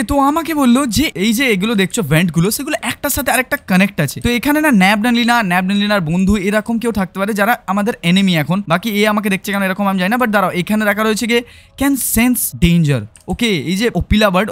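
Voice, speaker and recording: A man with a Bengali accent giving excitable let's-play commentary as a gaming YouTuber, mixing in English phrases and shouting when startled. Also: high-pitched, no echo.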